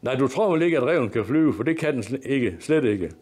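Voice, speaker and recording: A man's voice: medium pitch, expressive, darkish tone, lightly acted. Male reader voicing flustered older husband, stumbling, nervous, slightly raised.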